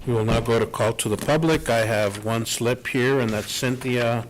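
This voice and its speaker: A man's voice: mid-range voice, fairly even intonation, moderate pace, a little hiss or hum, poor audio. A man chairing a county board meeting, procedural but joking with the room.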